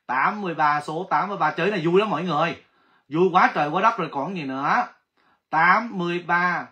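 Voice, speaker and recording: A man hosting a casual livestream giveaway, chatty and excitable, exclaiming often. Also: high voice, fairly quick, dull audio. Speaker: livestream host.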